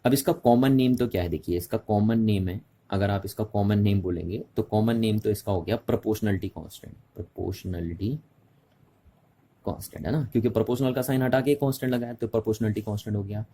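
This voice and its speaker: A man's voice: on the low side, quick pace, warm tone. A man teaching a physics lesson in Hindi mixed with English, patiently repeating key terms and checking that students follow. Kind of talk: classroom lecture mixing Hindi and English.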